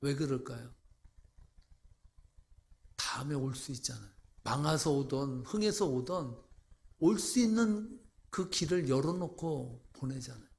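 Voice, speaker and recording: A man's voice: mid-range voice, expressive, measured pace, vocal fry, pauses often, a little mellow. A male pastor preaching a sermon, emphatic and putting rhetorical questions to the congregation.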